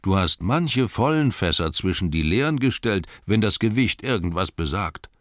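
A man reading an audiobook, putting on the voices of rowdy, merry young male elves who jeer loudly and impatiently. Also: fairly low pitch, expressive, normal speed, dry recording, studio quality, voice pushed up, natural voice. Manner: loud, jeering, impatient. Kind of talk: audiobook character voice.

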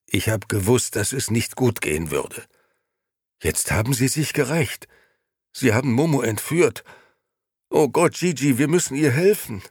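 A man voicing a slow-spoken old road sweeper, out of breath and frightened, with a husky voice. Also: sits low, sing-song, a bit bright, dry recording, clean studio sound, full character voice. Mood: anxious. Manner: breathless, gasping.

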